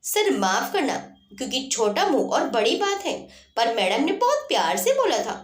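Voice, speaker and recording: A woman's voice: high-pitched, big pitch swings, moderate pace. A woman voicing a loyal male constable who speaks deferentially and chattily. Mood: humble. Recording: roomy echo.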